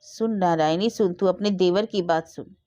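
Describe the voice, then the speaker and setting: Spiteful old nag, shrill and scolding, put on by a woman storyteller; storybook reading, slightly muffled sound. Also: normal speed, mellow, natural voice. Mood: complaining. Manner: scolding, shrieking.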